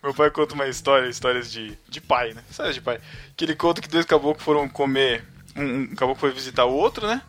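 A man co-hosting a casual chat podcast, telling animated stories and laughing often. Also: medium pitch, fast. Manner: animated storyteller, laughs often, says "cara". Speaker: podcast co-host.

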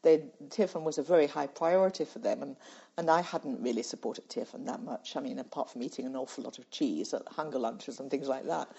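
On a slightly muffled, lo-fi recording, an older UK woman, formerly a charity president, shares reflective stories as an interview guest and laughs easily. Her bass voice is brisk and warm, with vocal fry and a breathy edge.

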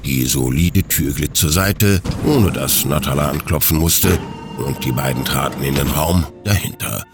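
A man narrating an audiobook story with expressive, scripted storytelling. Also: a bass voice, measured pace, over music.

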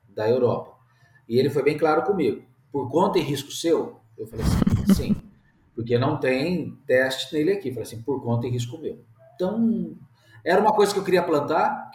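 A man's voice: mid-range voice, darkish tone, roomy sound, slight background noise. A man, a winegrower guest talking casually, plainspoken and repeating words as he thinks. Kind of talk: casual interview chat.

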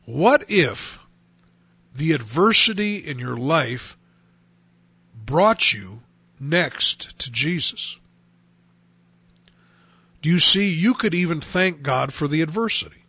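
A man's voice: on the high side, lively intonation, takes it slowly, pauses often, sharp tone, breathy edge, dry recording. A middle-aged man, preaching earnestly as host of a radio talk show and often restarting his phrases. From United States.

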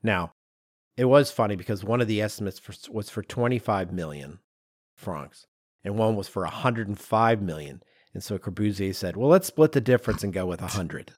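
Telling stories in a casual podcast chat, this co-host is emphatic and conversational, often poking fun at himself. His lowish voice is a little mellow and moves at a moderate pace, captured in a dry, clean studio recording.

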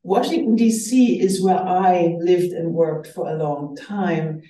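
Her voice is on the low side and warm, her pace slow, and the sound roomy and recorded from afar. She is an author whose first language is German, earnestly reflecting in a radio interview and often beginning her phrases again.

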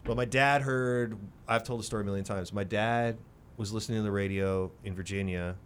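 A middle-aged American radio host, raised in Singapore before moving to the United States, speaks candidly and emphatically in an interview, repeating short phrases for punch. His conversational talk mixes in storytelling, delivered a little fast in a steady tone. A rumbly noise sits behind his voice.

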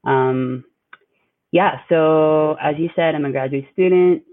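Over a dry, tinny, phone-like line, a young man from the Philippines who is a graduate student speaks slowly in a fairly high voice. He responds to casual interview questions hesitantly, filling the gaps with lots of fillers.

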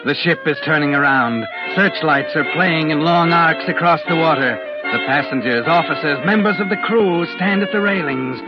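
Suspense radio narrator played by a man, measured, lo-fi with music. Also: a little high, close to an everyday voice. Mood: steady. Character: grave male narrator guiding the hero. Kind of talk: 1940s radio drama narration in second person. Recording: lo-fi old radio recording with music.

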